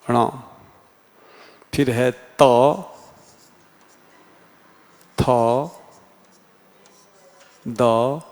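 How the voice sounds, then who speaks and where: A man teaching a Hindi class in a slow, deliberate way with a Rajasthani accent, sounding out each letter one by one. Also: mid-range voice, vocal fry. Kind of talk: classroom lecture. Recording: reverberant room sound.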